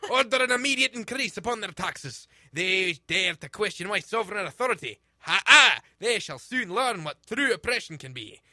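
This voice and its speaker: A cruel, arrogant tyrant gloats loudly and theatrically, as a man puts him on. The voice is forceful and bright, and the sound is close and dry. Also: sits high, very animated, moderate pace, no room sound, voice pushed up, exaggerated voice. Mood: gloating.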